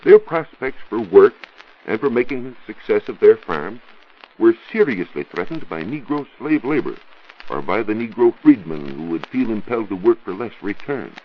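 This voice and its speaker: This American science reporter has a fairly low, sing-song voice and speaks at a moderate pace. His scripted 1940s educational radio talk, delivered in a studio, is formal and didactic, and the recording is muffled.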